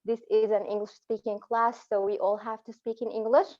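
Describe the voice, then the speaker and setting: A woman's voice: on the high side, fairly quick. Woman teaching over a dull call. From Egypt. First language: Arabic. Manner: relaxed, encouraging, laughs often between phrases. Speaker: online English teacher. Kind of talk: casual online class talk. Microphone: phone on a video call. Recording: dull lo-fi video call audio.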